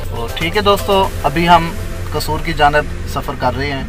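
A man's voice: on the high side, normal speed, over music. A man narrating a travel vlog, greeting viewers and saying prayers aloud while recorded on a handheld phone. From Pakistan. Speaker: vlogger.

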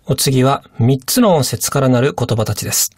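A woman teaching a radio language course, giving calm, measured explanations and translations. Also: rumbling low, slightly rough, no room sound, studio quality. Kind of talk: scripted lesson explanation.

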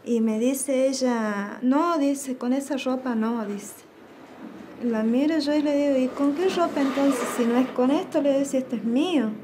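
A woman with an Argentine accent giving personal testimony, recounting events by quoting dialogue in a low, subdued way. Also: normal speed, warm tone, a little hiss or hum. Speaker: interviewee.

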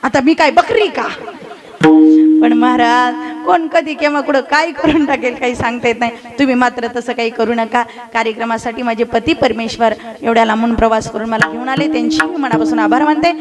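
A woman with a Marathi accent preaching a devotional kirtan sermon, shouting from the belly in impassioned, repetitive phrases and acting out comic stories. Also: on the high side, fairly even intonation, fairly quick, faint music behind. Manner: acts out a crying old woman in a comic story.

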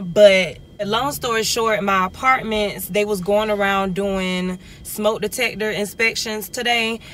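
A woman's voice: medium pitch, a bit bright, slight background noise. Chatty young woman vlogging to her phone. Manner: chatty, rambling, addresses viewers as y'all. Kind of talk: casual vlog chat to camera. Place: home living room, then parked car. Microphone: phone camera at arm's length.

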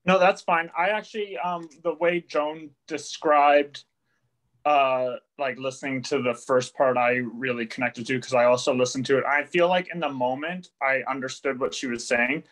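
A man's voice: medium pitch, fairly even intonation, normal speed, a bit bright, low-quality recording. A man in a casual online book discussion, rambling with many fillers and some self-deprecation. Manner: rambling, lots of likes and ums, self-deprecating. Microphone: video call.

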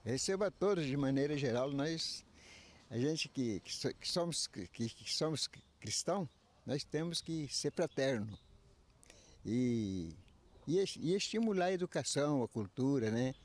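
A man in his eighties, a retiree interviewed outdoors into a handheld microphone, speaking haltingly with many restarts and filler tags. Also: medium pitch, animated. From Brazil. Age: 80s. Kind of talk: street interview. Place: outdoors under trees by a house. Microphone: handheld reporter mic.

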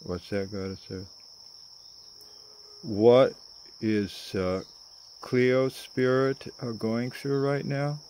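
An older man improvising a story, rambling and pausing with many fillers, recorded close on a phone camera outdoors in a garden. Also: medium pitch, steady tone, a little mellow, a little hiss or hum.

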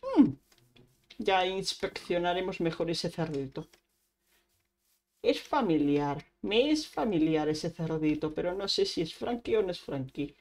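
A woman's voice: lowish voice, lively intonation, measured pace, darkish tone. A woman, streaming Minecraft casually, chatting to herself and making little sound effects as she plays. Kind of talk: casual Minecraft let's play.

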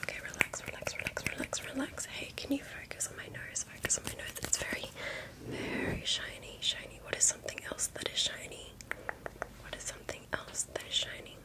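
A woman in her twenties performs fast ASMR entirely in a whisper. The sound is breathy and unvoiced, close to the listener. She loops single words and gives short, soft instructions. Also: rough recording. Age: 20s. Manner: repeats words over and over, giving soft instructions. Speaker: ASMR creator. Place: small bedroom indoors.

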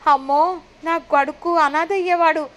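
A woman's voice: high voice, steady tone, normal speed, a bit bright, low-quality recording. A woman voicing an aggrieved young wife and mother in a retold serial, complaining and dramatic.

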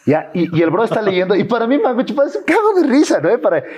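Animated husky young man. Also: sits high, quick pace. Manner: animated, slangy, acts out quotes. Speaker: guest content creator. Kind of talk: casual chat.

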